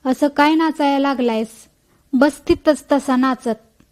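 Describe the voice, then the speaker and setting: An impatient older village aunt, scolding and calling out in a high voice, as a woman narrator puts her on. An audiobook reading. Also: a little slow, a little mellow.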